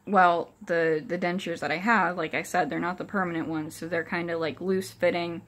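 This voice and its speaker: Young woman vlogging casually, kinda low voice, no upper teeth in so gummy soft words, halting and hesitant. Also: fairly even intonation. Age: young adult. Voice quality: soft toothless articulation, without upper dentures. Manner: hesitant, halting delivery with many pauses. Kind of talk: casual personal update to camera. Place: small furnished room indoors. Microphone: phone or camera at arm's length.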